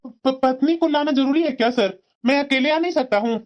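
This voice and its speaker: A woman plays a quick-tempered young husband in a cartoon story, snapping and grumbling at his mother and wife. The voice sits high for a man. The recording sounds dull and muffled. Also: music in the background, lightly acted. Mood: nervous. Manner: snapping, complaining. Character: irritable young husband, short-tempered son.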